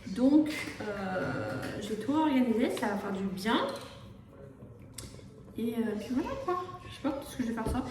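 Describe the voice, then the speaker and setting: Vlogueuse française expressive, voix un peu aiguë, bavarde maternelle en cuisine. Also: female voice, a little high, measured pace, slight background noise. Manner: expressive, indignant ranting, sing-song talk to her baby. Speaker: vlogger, mother. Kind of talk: casual vlog chat. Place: home kitchen.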